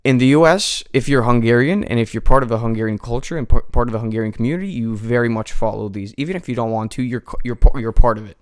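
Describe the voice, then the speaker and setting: A nineteen-year-old American guest chats casually in a radio studio interview, talking fast with few pauses in a mid-range voice. His speech is full of fillers and restarts.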